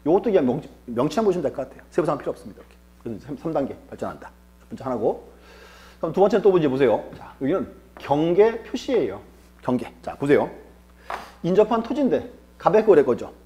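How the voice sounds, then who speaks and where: A man's voice: a little high, big pitch swings, quick pace, dark tone. Man lecturing, answering his own questions. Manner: rhetorical questions he answers himself; repeats key terms with emphasis. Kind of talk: exam-prep lecture.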